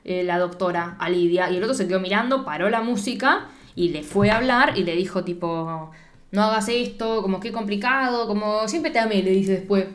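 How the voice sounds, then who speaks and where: A woman's voice: mid-range voice, a little fast. Chatty Argentine woman, casual and slangy. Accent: Argentine Spanish. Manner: chatty, slangy, swears freely. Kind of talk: casual chat retelling a film plot.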